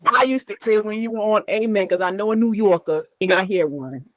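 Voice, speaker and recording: A woman's voice: mid-range voice, fairly quick, dry recording. Woman interviewer, eager and chatty, dry close sound. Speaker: interview host. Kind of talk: casual interview chat.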